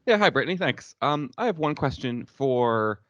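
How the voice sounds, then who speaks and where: A man's voice: medium pitch, lively intonation, normal speed, a bit bright, no room sound. A male radio reporter asking hesitant, circling questions at a press briefing, heard over a remote call line. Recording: dry, dull call-line audio.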